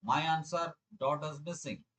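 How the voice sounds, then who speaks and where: A middle-aged man with an Indian accent runs a live online programming lesson, going through quiz questions. His voice is slightly high, bright and at a normal pace, and he repeats phrases for emphasis while questioning his students.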